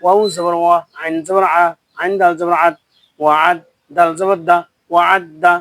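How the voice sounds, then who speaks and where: A man teaching Quran recitation, spelling out each syllable, then chanting the verses slowly and drawn out, with brisk explanations in between. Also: high voice, little pitch movement, fairly bright tone, dry recording. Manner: brisk explanations between recitations, asks learners to repeat and comment. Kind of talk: spelling-out and slow recitation lesson.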